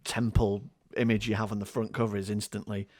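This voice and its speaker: Low-voiced man chatting dryly. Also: flat delivery, fairly quick, a little mellow, dry recording. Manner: chatty, rambling, laughs often, wry joking. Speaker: podcast co-host. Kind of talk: casual chat.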